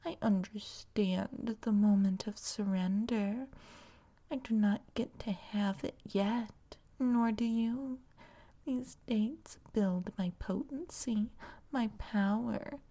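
A woman voicing a seductive female vine creature in a whispered audio roleplay, speaking in a soft, breathy, coaxing way. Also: medium pitch, slow.

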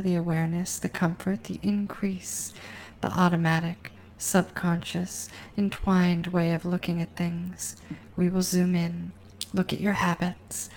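A woman guiding a hypnosis session, speaking in a slow, repetitive, hypnotic cadence with a sultry, intimate tone aimed at the listener. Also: on the low side, vocal fry, a little mellow, a little hiss or hum, rough recording. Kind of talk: guided hypnosis recording.

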